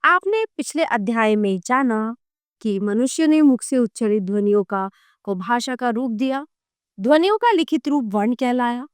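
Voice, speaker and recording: High, clear woman teaching a lesson. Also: lively intonation, moderate pace, no echo. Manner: spells out sounds and example words one by one. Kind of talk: read-aloud grammar lesson.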